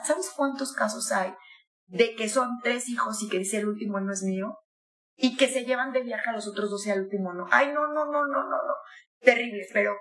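Older woman guest, lively advice talk, bright higher voice, echoey room. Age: 60s. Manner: animated, acts out quoted voices.

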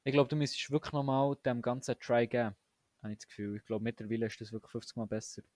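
A young man chats with lots of enthusiasm and slang, often breaking off and restarting. His voice sits at a middle pitch. The recording is dry and close, with no room sound. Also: steady tone, rapid-fire, darkish tone, no room sound. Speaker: podcast co-host. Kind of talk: casual chat.

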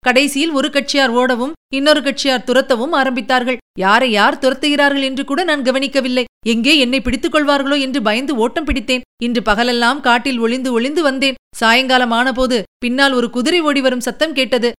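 A woman voicing a fierce, wild female ghoul priestess with a harsh, rough voice, excitedly telling her tale in a storybook reading. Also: high-pitched, a little fast, few pauses.

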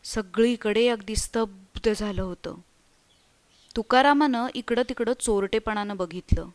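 A woman narrating a story in a steady, expressive reading voice. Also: a little high, unhurried. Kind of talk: scripted narration.

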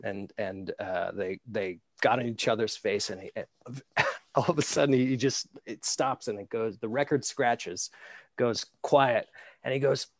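His voice runs low and unhurried as this amateur pitcher from New York, USA, shares offhand stories during an interview. Recorded without echo in a Scottish flat, he meanders through anecdotes with lots of hesitant fillers.

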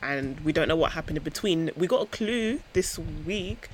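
A woman's voice: deep voice, expressive, normal speed, slight background noise, low-quality recording. A woman hosting a casual podcast, retelling things conversationally and quoting dialogue as she goes. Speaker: podcast host.

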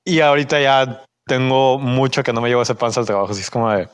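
A man's voice: mid-range voice, fast, clear, resonant tone, no room sound, studio quality. A young man with a Mexican accent, casually telling a work story and acting out his coworkers' lines. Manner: animated, acts out coworkers' lines in raised voices; uses Mexican slang.

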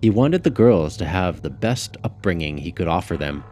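Male narrator, very low voice, measured audiobook read, faint music under. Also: expressive, a little mellow. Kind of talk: scripted narration.

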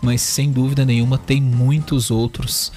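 A man hosting a radio show, reading out dated facts in a steady voice and padding sentences with small fillers. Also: mid-range voice, unhurried. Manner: steady, fills with "né" and "aí". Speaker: radio show host reading history notes. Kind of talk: casual radio chat with read-out facts. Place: radio newsroom studio.

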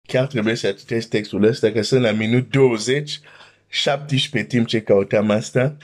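A Romanian man with a medium-pitched voice preaches a sermon, reading Bible verses aloud and then commenting on them with animated emphasis.

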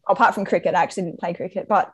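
A woman in her twenties from Brisbane, Australia, with a Queensland accent, chats informally as a soccer player being interviewed. Her fairly low voice has a steady tone and a breathy edge, and she races along.

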